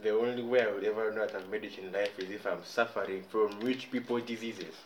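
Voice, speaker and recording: A man's voice: fairly low pitch, steady tone, fast talker, distant mic, crowd noise. A man in a casual group chat, making dry jokes. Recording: roomy, from the mic.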